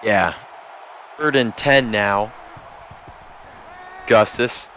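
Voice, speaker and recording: A man giving play-by-play commentary on a video game football stream, measured and steady, rising to shouts on big plays. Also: on the low side, slight background noise. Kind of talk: sports commentary.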